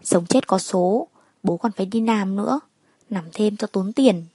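A woman's voice: medium pitch, measured pace, warm tone, breathy edge, dry recording. Sick father, frail and stubborn, weak resigned delivery, dry sound , read by a woman.

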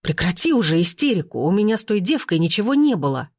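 A woman reader voicing an exasperated young man pleading and shouting up at a balcony. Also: mid-range voice, very animated, fast talker, dry recording, clean studio sound. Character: angry young man, caught cheating.

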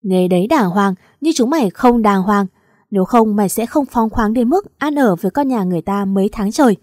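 A woman reading the part of a stern, heartbroken aging father who shouts at his daughter. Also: medium pitch, lively intonation, brisk, breathy edge, dry recording, studio quality. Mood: shouting. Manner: shouting in anger.

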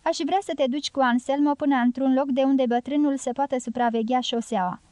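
A woman reading an audiobook, voicing a stern man who gives orders in her own high voice. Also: steady tone, mellow, dry recording, natural voice. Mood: instructing, firm. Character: stern, serious American man giving orders.

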